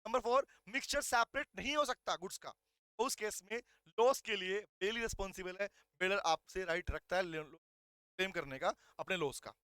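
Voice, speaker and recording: A man giving a recorded law revision lecture, mixing Hindi and English, reading statute lines slowly and firing rhetorical questions at his students. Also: high voice, sharp tone, no room sound. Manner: asks rhetorical questions and calls students "beta".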